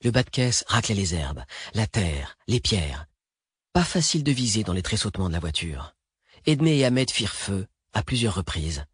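A man narrates a thriller in a steady, even read. His voice is low and very husky. It is recorded close and dry, with no room sound. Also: normal speed, no room sound. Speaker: audiobook narrator.

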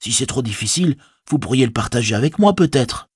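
A man's voice: medium pitch, expressive, a little fast, breathy edge, no echo, clean studio sound, voice pushed up. Sam Gamgee, a man doing a humble loyal hobbit. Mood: devoted. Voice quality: folksy colloquial speech, deferential. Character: loyal humble young male hobbit servant, earnest. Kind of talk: audiobook character voice.

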